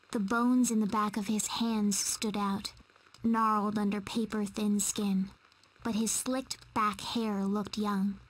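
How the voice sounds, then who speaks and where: A woman reading a story narration in a measured, storytelling voice. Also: mid-range voice, low-quality recording.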